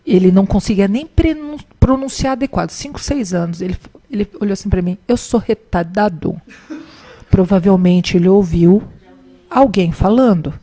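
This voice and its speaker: Warm-voiced woman telling a story. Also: brisk. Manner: recounts events by acting out dialogue, animated pitch jumps. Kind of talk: conversational storytelling.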